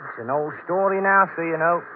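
An actor playing a cynical ship's mate who talks in a gruff, complaining way. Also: male voice, fairly high pitch, fairly quick, lightly acted. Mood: dutiful. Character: grumbling ship's mate, adult man, cynical. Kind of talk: 1940s radio acting. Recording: tinny old radio broadcast, noisy.

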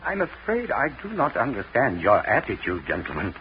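An actor playing an indignant, pompous arsonist who poses as a respectable citizen in an old-time radio crime drama. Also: male voice, mid-range voice, huge pitch swings, normal speed. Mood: mock-polite, evasive. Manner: pompous, mock-courteous, protesting. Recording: dull, noisy old radio recording.

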